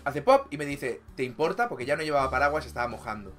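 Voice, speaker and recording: Bright-voiced Spanish man telling stories. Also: mid-range voice, fast, soft background music. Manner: animated storyteller, acts out dialogue, frequent laughter. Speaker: podcast co-host. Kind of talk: casual chat.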